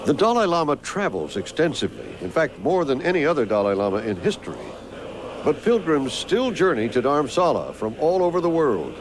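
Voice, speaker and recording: A man's voice: on the high side, big pitch swings, a little fast, very noisy. A man reading scripted documentary narration as the film's narrator. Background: music.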